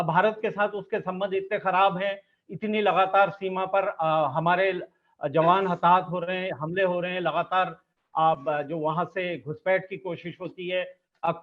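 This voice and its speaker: A man moderating a TV news debate, asking pointed questions with many halting filler sounds. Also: sits high, highs cut off. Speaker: TV debate anchor.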